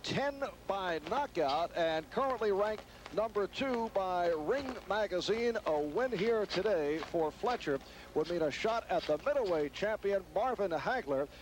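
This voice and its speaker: A man's voice: sits high, animated, measured pace. A man giving live sports broadcast commentary on boxing from ringside. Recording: noisy broadcast over loud arena crowd.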